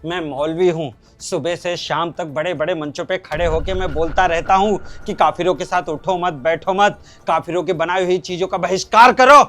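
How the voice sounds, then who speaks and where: An actor playing a hardline cleric father who rants and schemes, with forceful preachy delivery. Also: high voice, moderate pace, few pauses, slight background noise. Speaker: actor in a short drama. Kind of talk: Hindi short-film acting.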